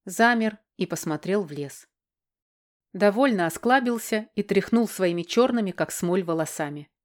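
A woman reading a first-person fantasy audiobook in a steady, measured way. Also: medium pitch. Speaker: audiobook narrator.

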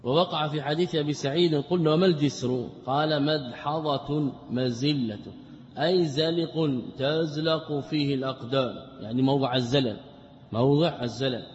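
A man giving a religious lesson, explaining a classical text, repeating words, asking rhetorical questions and slowing down to recite quotations. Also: a little high, fairly even intonation, darkish tone. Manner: slows down when reciting quoted texts. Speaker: religious teacher. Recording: dull lo-fi lecture recording with long reverb.

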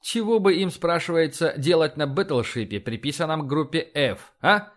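A man voicing a gruff, sardonic rear admiral who scolds and mocks. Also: fairly high pitch, animated, moderate pace, pitched above the performer's own voice, lightly acted. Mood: mocking. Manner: brusque, mocking, loud outbursts.

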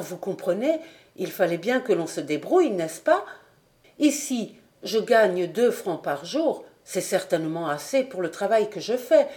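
For an audiobook, a woman voices a shy but earnest poor boy apprentice, making him eager and a little flustered. Her voice is mid-range, natural and a touch mellow.

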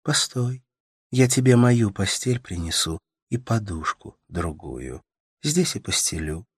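Brief: gentle caring young woman, soft sing-song delivery, played by a male audiobook reader pitching up. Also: big pitch swings, takes it slowly, breathy edge, no echo, clean studio sound, heavily acted. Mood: storytelling. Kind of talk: audiobook character voice.

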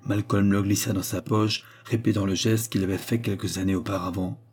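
A man reading a novel aloud as steady scripted narration. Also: lowish voice, a little fast, husky. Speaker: audiobook reader.

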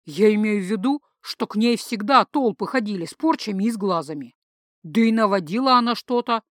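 A woman's voice: medium pitch, animated, a little fast, a bit bright, dry recording, studio quality, natural voice. A woman voicing a cheeky young male student. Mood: pushy. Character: young man, lazy student, pushy and cheeky.

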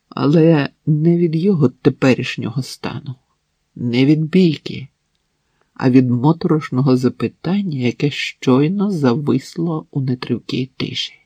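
Husky male audiobook narrator. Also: mid-range voice, no room sound. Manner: measured, even storytelling. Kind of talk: scripted narration.

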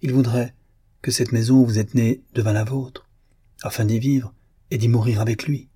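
A man reading the part of a calm, tactful young woman musician in an audiobook, speaking with soft, patient coaxing. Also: medium pitch, moderate pace, husky, close to an everyday voice.

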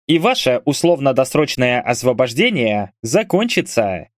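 A man's voice: mid-range voice, sing-song, normal speed, dry recording, studio quality, lightly acted. A man voicing a stern male werewolf who heads an agency, firm and pressing.

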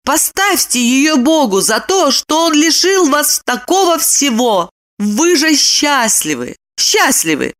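A sharp-tongued, gloating woman with a shrill, squeaky voice that leaps up on every jab, as a woman narrator puts her on. Her pitch swings widely as she mocks and lectures. It is an audiobook character voice. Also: sing-song, unhurried, full character voice. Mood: coaxing. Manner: shrill, mocking, with swooping exclamations.

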